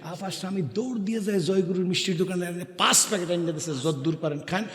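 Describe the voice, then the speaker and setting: The Islamic preacher's high male voice races along as he gives a fiery waz sermon outdoors to a big crowd. Loudspeakers create an echoey, long-reverb sound while he sings couplets and has the audience respond loudly.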